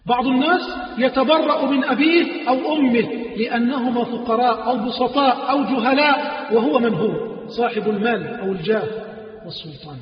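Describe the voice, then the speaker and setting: A man preaching a sermon with passion, swinging between loud emphatic lines and low hushed ones. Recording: echoey hall heard from a distance, dull sound.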